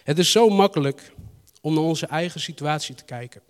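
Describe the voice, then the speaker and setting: A man's voice: a little high, fairly quick. Man preaching in a reverberant church. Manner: conversational, acts out Gideon's doubting voice. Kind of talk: sermon. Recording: long reverb of a church hall.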